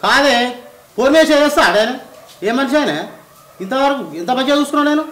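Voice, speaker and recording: A man playing a worried village father protective of his daughter, speaking with a Telangana Telugu accent in a loud, agitated, pleading manner. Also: extremely high pitch, brisk, over loud music. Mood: anxious. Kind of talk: village family drama acting.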